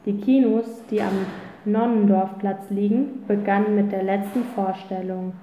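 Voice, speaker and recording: A woman reading a children's novel aloud in a calm, unhurried storytelling manner. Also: mid-range voice, a little hiss or hum. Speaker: audiobook reader. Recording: roomy, tinny phone-like sound.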